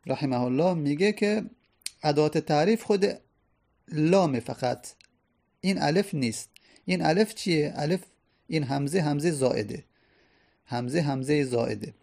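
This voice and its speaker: Male teacher, raised pitch, gravelly edge; methodical lecture, asks and answers himself. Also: darkish tone. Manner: explains step by step, repeats terms, asks and answers his own questions. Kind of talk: grammar lesson.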